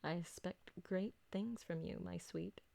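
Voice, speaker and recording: In an ASMR roleplay drama, a woman plays a refined, possessive vampire noblewoman who dotes on her servant, her speech formal and carefully enunciated. Her voice sits on the low side with a dark tone, vocal fry, and fairly steady intonation. She sounds tender and grateful.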